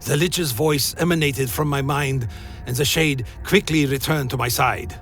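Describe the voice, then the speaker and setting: Male storyteller, solemn dark fantasy narration, gravelly edge, faint musical bed. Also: mid-range voice, a little slow, faint music behind.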